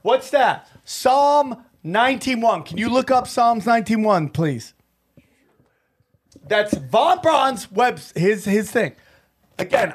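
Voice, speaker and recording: A man's voice: high-pitched, slight background noise. A man hosting a podcast debate, playful and mock-earnest, often cutting in on the others. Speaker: podcast host and moderator. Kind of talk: joking podcast banter.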